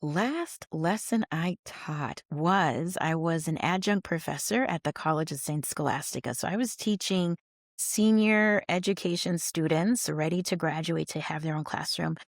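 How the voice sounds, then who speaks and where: A woman's voice: low-pitched, a little slow, no echo, clean studio sound. A middle-aged woman, an educator, chatting casually as an interview guest, telling stories with fillers and laughs. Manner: animated storytelling with laughs and fillers.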